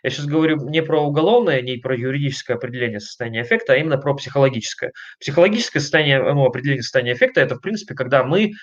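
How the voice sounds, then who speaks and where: A man at a middle pitch leads an online lecture, emphatic and conversational. He often turns to his listeners with rhetorical questions and stumbles on fillers between points. The recording sounds dull and lo-fi. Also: animated, racing, few pauses. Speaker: lecturer on family communication.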